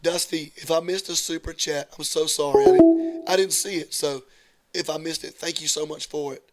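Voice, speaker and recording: A hoarse man hosting a live talk stream, his voice strained and fading. He is warmly apologetic and keeps thanking his callers. Loud music plays underneath him. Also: on the high side, fairly even intonation. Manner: grateful, apologetic, quick to thank. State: losing his voice. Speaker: host.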